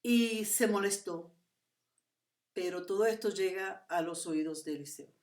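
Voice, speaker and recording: A woman's voice: on the low side, measured pace, reverberant, far from the mic. Woman preacher, mic set back. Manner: storytelling, rhetorical questions, animated retelling. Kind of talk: sermon.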